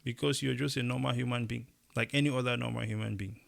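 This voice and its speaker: A young man from Cameroon co-hosting a casual opinion chat, talking emphatically and rising into animated bursts. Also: medium pitch, quick pace, creaky. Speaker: podcast co-host.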